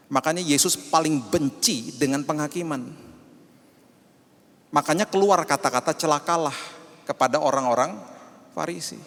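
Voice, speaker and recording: Animated male pastor in a reverberant hall. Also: mid-range voice. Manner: animated preaching, swinging between soft and loud; mixes in English phrases. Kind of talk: sermon. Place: church hall.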